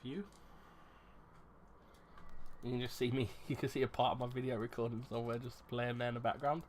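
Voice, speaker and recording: There's a little hiss or hum as a man with a plain, medium-pitched voice speaks briskly in a level tone. He's a YouTuber casually reviewing ration packs in an unscripted vlog, rambling, self-deprecating and restarting often while thinking aloud.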